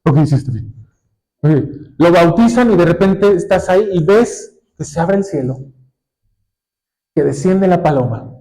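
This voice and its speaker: A male pastor preaching a sermon, reading scripture slowly and putting questions to the congregation. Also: sits high, mellow, poor audio. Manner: asks the congregation questions and waits for answers; reads scripture aloud slowly, drawing words out.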